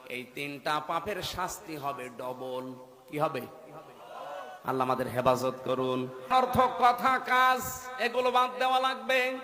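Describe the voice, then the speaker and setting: A man in his thirties preaching a sermon, dropping to low murmurs and rising to loud chanted peaks. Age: 30s. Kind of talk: Bengali waz sermon with chanted passages. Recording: echoey hall with long reverb.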